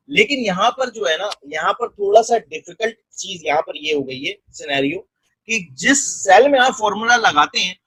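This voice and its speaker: A man narrating a screen-recorded software tutorial step by step. He keeps checking in with the viewer and mixes English technical terms into his speech. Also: high voice, husky, no room sound, poor audio. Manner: step-by-step, repeating "theek hai" and "ye dekhen" to guide the viewer.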